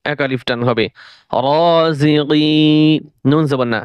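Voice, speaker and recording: Male recitation teacher, slightly high, very dry close sound, slow syllable-by-syllable lesson delivery. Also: clear, resonant tone, dry recording. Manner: spells syllables aloud, then stretches whole words slowly. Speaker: Quran reading teacher.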